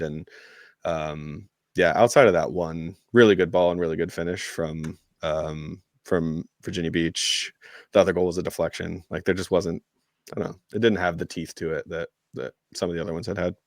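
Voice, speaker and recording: With a deep voice and a moderate pace, this man keeps his intonation fairly even while co-hosting a soccer podcast. The chat is casual and conversational, full of hedging and frequent "like," recorded in clean studio sound without room sound.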